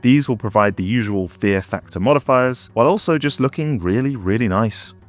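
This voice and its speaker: A man's voice: mid-range voice, expressive, fairly quick. A man presenting as a game developer in scripted promotional narration, with wry, playful asides. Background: background music.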